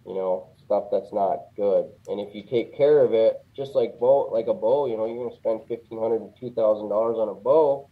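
A man guest talking casually in an interview, plainspoken and relaxed, with a lot of "you know". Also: fairly low pitch, normal speed, few pauses. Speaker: guest, custom fishing rod builder. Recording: tinny phone-like line.

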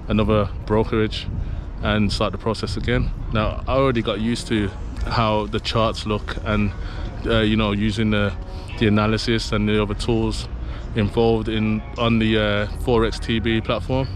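A man's voice: fairly low pitch, flat delivery, normal speed, hardly any pauses, noisy background. A man walking through a city centre outdoors, chatting to his viewers in a rambling, casual vlog with lots of fillers, recorded on a handheld camera. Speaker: vlogger. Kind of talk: casual walk-and-talk vlog.

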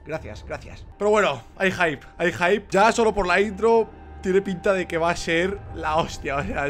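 A young man from Spain with a Castilian accent playing a horror game, excitable and swearing a lot. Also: fairly high pitch. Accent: Castilian Spanish. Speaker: gaming youtuber. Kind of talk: horror game let's play.

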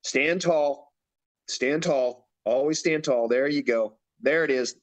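A man's voice: a little high, slow. A man coaching a bodybuilder through posing routines, giving directions and repeating his cues. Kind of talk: instructional demonstration.

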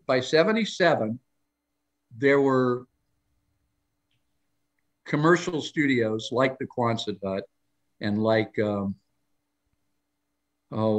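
An older man spins long anecdotes in a loose, rambling way, circling back and restarting as he goes. He leans into quoted lines with a lifted voice, then drops back to an easy conversational tone. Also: mid-range voice. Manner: acts out quoted lines in a raised voice. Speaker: guest storyteller on a live show. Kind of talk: casual live interview chat.

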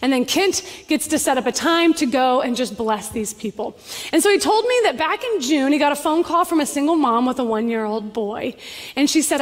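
A woman pastor with a high, bright voice tells a story from the pulpit with animated energy. Her voice rings out through a large church hall, and a long reverb trails each phrase. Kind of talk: sermon.

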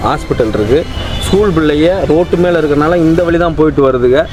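Guy at a street protest talking off the cuff, high voice, stumbly but insistent, music behind him. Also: rough recording. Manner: halting, repetitive, insistent. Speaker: local protester interviewed. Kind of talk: spontaneous street interview.

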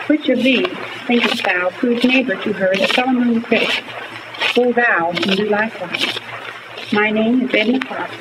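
A young woman student reading aloud for a class with careful, measured elocution, played back from an old gramophone disc. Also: a little high. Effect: played from an old 1939 gramophone disc. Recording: noisy, muffled old disc recording from far off.

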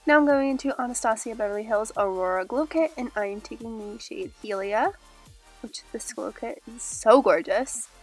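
A young beauty vlogger with a stuffy, nasal voice from a cold walks through a makeup tutorial step by step, chatty and upbeat. Her voice sits on the high side at a moderate pace, with faint music playing behind her. She's in a small indoor room with a glitter backdrop.

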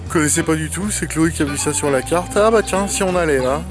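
A man's voice: a little high, fast, music in the background. A middle-aged man filming a family vlog outdoors at a zoo, chatting cheerfully to the animals and the camera. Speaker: family vlogger. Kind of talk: casual vlog commentary.

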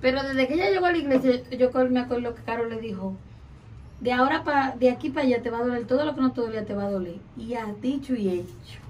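Fast, high-voiced woman. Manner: emotional, exclaims often. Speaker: guest's companion. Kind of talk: interview chat. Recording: distant mic, faint background noise.

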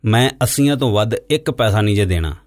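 A man's voice: on the low side, expressive, fast, no room sound, studio quality, close to an everyday voice. A man voicing a firm, thrifty male buffalo buyer in an audiobook. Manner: firm, resolute.

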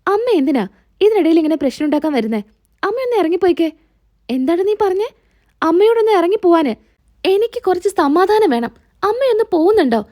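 A woman's voice: extremely high pitch, sing-song, fast, long pauses, warm tone, no room sound, clean studio sound, pitched above the performer's own voice. A woman voicing an impatient young husband telling his mother to leave. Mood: exasperated. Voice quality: impatient, pleading. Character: exasperated young husband and son.

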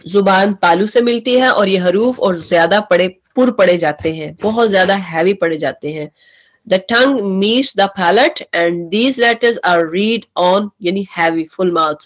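A woman teaching a tajweed lesson, who explains each term slowly, mixes in English phrases and repeats letter sounds for practice. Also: medium pitch. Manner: slow, explains terms and drills letter sounds. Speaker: Quran recitation teacher.

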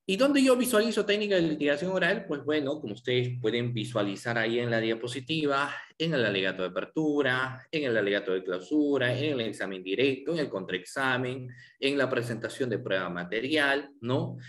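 A man's voice: mid-range voice, animated, a little fast, fairly bright tone. Man giving a lawyers' lecture. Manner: asks the audience rhetorical questions, with frequent tag questions. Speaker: law lecturer.

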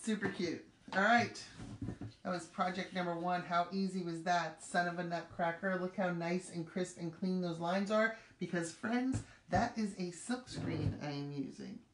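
Talking as she works, the host of this live craft demonstration, a middle-aged woman, keeps things chatty and upbeat at her craft room table. Her voice is lowish and her pace moderate, captured in an echoey room with clear background noise.

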